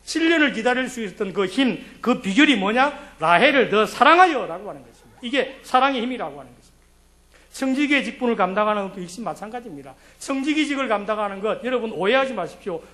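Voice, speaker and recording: A man's voice: high voice, expressive, fast, sharp tone. A male pastor preaching a sermon, telling a story and asking the congregation rhetorical questions.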